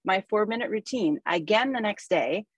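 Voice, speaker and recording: A woman in casual conversation, speaking haltingly with many restarts and fillers. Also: medium pitch, animated, breathy edge, no echo, low-quality recording. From Canada. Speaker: guest, pole athlete. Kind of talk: casual podcast chat.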